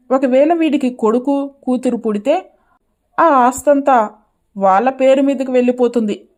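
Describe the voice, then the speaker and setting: Woman doing a scheming cartoon mother-in-law, greedy, high voice. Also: darkish tone, close to an everyday voice. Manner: sweet to her son, scheming in thought.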